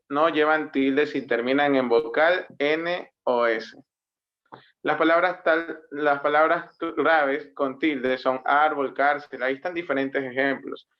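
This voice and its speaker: A male student giving a class presentation, explaining grammar rules and slowing down to read out example words. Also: on the high side. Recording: muffled lo-fi recording.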